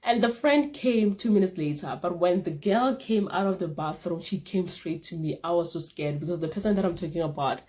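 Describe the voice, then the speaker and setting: A woman in her thirties tells a storytime vlog in a casual, animated way. Her voice sits slightly low and warm, with frequent laughter and big jumps in pitch. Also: a little fast, hardly any pauses. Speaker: vlogger.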